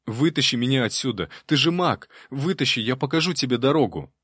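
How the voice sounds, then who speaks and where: A man's voice: mid-range voice, moderate pace, dry recording, voice pushed up, lightly acted. Guy doing a scared pleading young monk kid, dry close sound. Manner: desperate, pleading. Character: frightened, stubborn young male novice monk.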